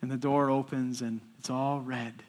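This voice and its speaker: A man studying for the priesthood, telling a lively story in church as a testimony talk. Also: mid-range voice, normal speed. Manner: lively storyteller, animated quoted voices. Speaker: seminarian speaking in church.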